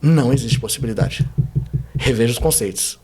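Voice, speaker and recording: A man's voice: medium pitch, brisk, darkish tone, breathy edge. A man, a pastor, giving a fervent testimony in a podcast interview and driving his points home with rhetorical questions.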